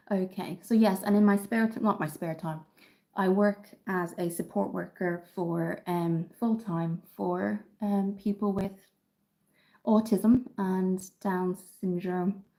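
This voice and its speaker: On a beauty livestream filmed with her phone camera, a Dublin woman answers viewers' comments in a relaxed, upbeat way, saying um a lot. She speaks slowly in a mellow, lowish voice that keeps a steady tone. She's from Ireland.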